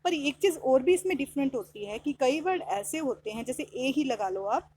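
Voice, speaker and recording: A woman teaching an English lesson, explaining in Hindi and reading English sentences slowly, spelling out words letter by letter. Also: high voice, lively intonation, darkish tone, slightly rough.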